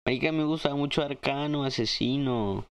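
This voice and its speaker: A young man, co-hosting a casual chat, slangy and excitable, jumping up in pitch when he jokes. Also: moderate pace. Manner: slangy, excitable, swings his pitch high when joking. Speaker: podcast co-host.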